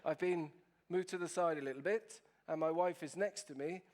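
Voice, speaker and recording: Italian-accented man, fairly high voice, humorous, speaks on stage, quizzes the audience. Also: fairly even intonation, moderate pace, darkish tone. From Italy. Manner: playful, asks the audience questions. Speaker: keynote speaker.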